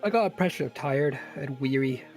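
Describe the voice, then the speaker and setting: A man's voice: mid-range voice, fairly quick, darkish tone. A man in casual, joking banter with a group. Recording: music playing behind the voice. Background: music.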